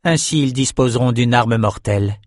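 A man's voice: mid-range voice, moderate pace, no room sound, clean studio sound, close to an everyday voice. A man voicing a bold, cold-blooded woman battle magician who gives curt orders in an audiobook. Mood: commanding. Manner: curt and commanding.

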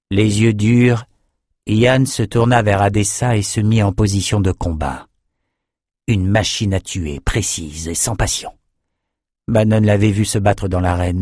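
A man narrating a fantasy audiobook in a measured, even storytelling voice. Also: low voice, no room sound, clean studio sound.

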